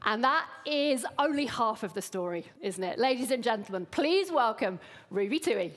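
A woman's voice: on the high side, lively intonation, moderate pace, crowd noise. A woman, hosting an event and interviewing a guest on stage. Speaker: host, interviewer. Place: large theatre stage. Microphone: headset.

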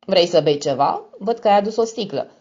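A woman's voice: mid-range voice, lively intonation, darkish tone. Sneering blackmailer, as a woman puts him on. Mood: mocking. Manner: mocking, affected tone. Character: smug sneering young male blackmailer. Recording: dull lo-fi recording.

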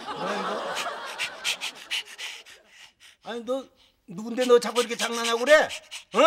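An actor playing a hot-tempered middle-aged husband who blusters and shouts threats down the phone. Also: male voice, extremely high pitch. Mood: irritated. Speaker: husband in a sitcom. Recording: broadcast sitcom with clear background noise.

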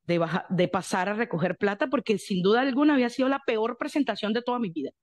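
A young Venezuelan woman, a guest in an interview, telling her story in lively detail, acting out quotes and breaking into song. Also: mid-range voice, fast talker. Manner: animated storyteller, acts out quotes, bursts into song.

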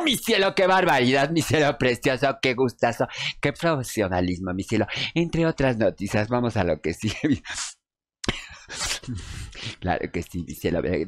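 A man's voice: on the low side, lightly acted. A man playing a flamboyant, catty diva gossip-show hostess, sassy and calling everyone "mi cielo" nonstop. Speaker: gossip news presenter. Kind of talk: comedic gossip-show monologue.

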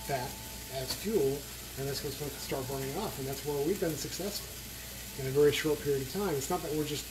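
A man's voice: a little high, noisy background. A man hosting a home cooking video, chatting casually with many fillers and restarts. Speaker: cooking channel host.

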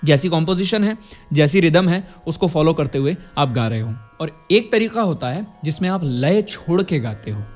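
High, lively male music teacher. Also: moderate pace. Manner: explains patiently, breaks into sung demonstrations; asks rhetorical questions to the student. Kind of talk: classical music lesson.

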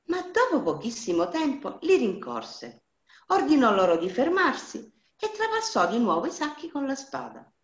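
A woman's voice: high-pitched, huge pitch swings, moderate pace. A woman reading a fairy tale aloud in a storytelling style, in a dull, roomy recording.

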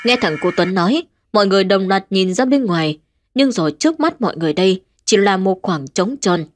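A woman tells a ghost story in a steady, measured voice. Her pitch sits in the middle of the female range, and her delivery stays even and deliberate from line to line. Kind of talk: scripted ghost story narration.

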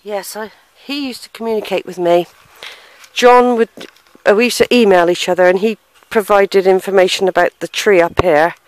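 Holding her camera and unseen behind it, a middle-aged family history vlogger thinks aloud on a casual walk through a country churchyard, speaking at an ordinary pitch, normal speed, and fairly even intonation. She muses, hesitates, sighs, and pauses to read old inscriptions aloud. The audio is poor but has no room sound.

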